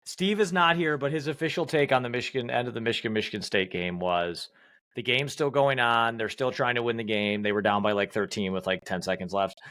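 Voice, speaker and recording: A man's voice: medium pitch, brisk, a bit bright. A man co-hosting a sports podcast, talking heatedly with swearing and repeated points. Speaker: podcast co-host. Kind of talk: casual sports podcast chat.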